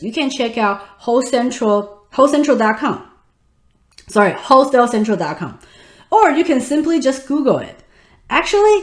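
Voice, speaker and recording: A woman's voice: on the high side, echoey room. A woman in her thirties from Taiwan, a native Mandarin speaker with a Taiwanese Mandarin accent, hosting an online webinar and speaking straight to her audience. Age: 30s. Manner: instructive, addresses the audience directly. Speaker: webinar host.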